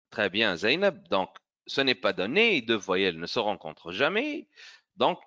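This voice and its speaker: A male teacher runs an online French grammar lesson for children. He speaks slowly and with a lively, rising and falling pitch. His tone is bright, and the lo-fi audio sounds a little dull. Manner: encouraging, praises pupils by name; slow, careful explaining.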